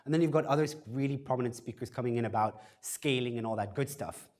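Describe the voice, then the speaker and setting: This guest speaker at a startup workshop has a medium-pitched, slightly mellow voice and talks fast in a relaxed lecture style. Facing an audience in an event space, he's quick to put himself down and uses many fillers.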